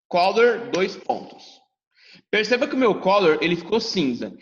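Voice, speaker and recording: Animated Brazilian man teaching a lesson. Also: high voice. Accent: Brazilian Portuguese. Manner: talks to students, voices their questions. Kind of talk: lively classroom lesson. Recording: dull sound with long reverb.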